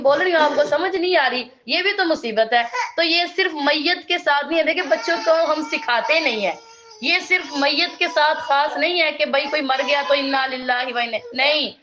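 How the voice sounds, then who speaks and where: A woman with a high, light voice gives a religious lesson on the Quran. She leans on repetition to drive each point home and mixes explanation with storytelling. The sound is dull and lo-fi, like a modest home recording. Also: fairly bright tone, a little hiss or hum. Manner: emphatic, repeats words for stress. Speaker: Quran teacher.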